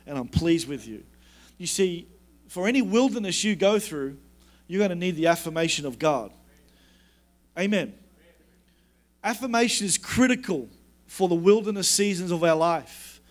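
In his sermon, the pastor hammers his points home with repetition and emphasis, lowering his voice to a soft hush for God's quoted words.

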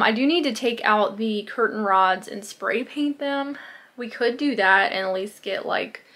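A woman, chatting casually to the camera in a day-in-the-life vlog. She rambles and often fills pauses with "um" and "like", and she is recorded close to a phone camera in a small bedroom. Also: medium pitch, a bit bright. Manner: chatty and rambling, with frequent fillers like "um" and "like". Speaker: lifestyle vlogger. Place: small bedroom at home, indoors.

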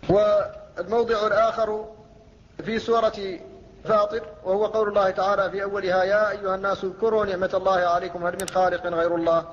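A man's voice: high-pitched, a little hiss or hum. A man teaching a classical lecture on Quran recitation, explaining steadily and quoting verses. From Mauritania. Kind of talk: classical Arabic lecture on tajweed. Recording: dull lo-fi lecture recording with long reverb.

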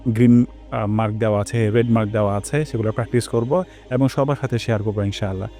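A man teaching a pronunciation lesson, explaining calmly and chanting Arabic phrases slowly with drawn-out vowels. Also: lowish voice. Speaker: Quran recitation teacher. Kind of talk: pronunciation lesson with recited examples.

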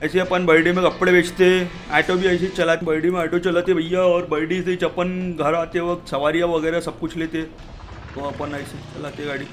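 A man giving comic gameplay commentary, joking in a playful street-seller way with sudden shouted calls. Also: a little high, flat delivery, moderate pace, faint music behind. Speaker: gaming channel host. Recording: loud game sounds under the voice.

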